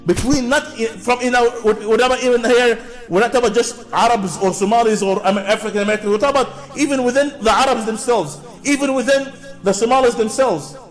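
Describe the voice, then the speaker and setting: High-voiced man lecturing with rhetorical questions. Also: quick pace, hardly any pauses, faint music behind. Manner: asks rhetorical questions and answers them; repetitive, with frequent restarts. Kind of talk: public talk to an audience.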